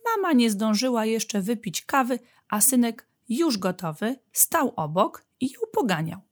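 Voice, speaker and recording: Gentle woman reading a children's story. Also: a little high, big pitch swings, unhurried. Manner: clear, gentle read-aloud delivery. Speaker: narrator.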